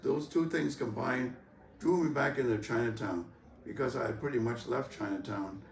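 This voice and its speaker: An older man from San Francisco speaking in an interview, measured and halting with many pauses and fillers. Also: medium pitch, vocal fry. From San Francisco, USA. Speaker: interviewee, longtime organization member. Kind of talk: recorded interview. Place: convention venue, crowd behind. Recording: roomy, from a distance.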